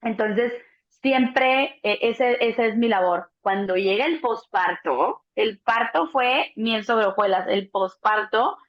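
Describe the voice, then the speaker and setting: A Mexican woman in her thirties, a doula, telling a birth story in a relaxed chat, acting out the voices of the people in it and swearing casually. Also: on the high side, slow. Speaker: doula, co-host. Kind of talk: casual conversation. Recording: dull lo-fi sound.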